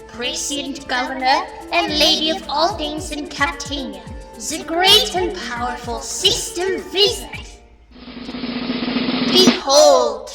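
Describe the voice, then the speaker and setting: A flamboyant, cheerfully mad captain of a comic wasteland, high in pitch and grandly pompous. The delivery is slow and theatrical, ringing with long reverb over loud music. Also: female voice. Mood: grandiose, triumphant. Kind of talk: theatrical comic dub acting.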